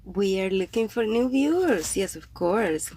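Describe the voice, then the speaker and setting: A Cuban woman whose first language is Spanish hosts a livestream podcast in English, greeting viewers in a casual, meandering chat full of fillers. A poet as well as host, she has a Cuban accent and a warm, breathy, medium-pitched voice with lively intonation and a slightly slow pace. The recording is dry.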